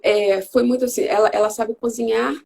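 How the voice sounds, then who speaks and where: A woman's voice: on the high side, steady tone, a little fast, gravelly, a little mellow, slight background noise. A Brazilian woman talking earnestly as a guest mother on a live video call, telling her story in a heartfelt way. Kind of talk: casual live video chat.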